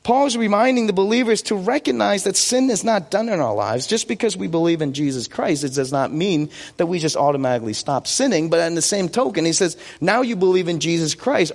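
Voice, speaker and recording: This American preacher in his forties, whose native language is Vietnamese, delivers a conversational sermon full of personal anecdotes and questions he answers himself. His voice is high-pitched with vocal fry. A long hall reverb hangs over the recording.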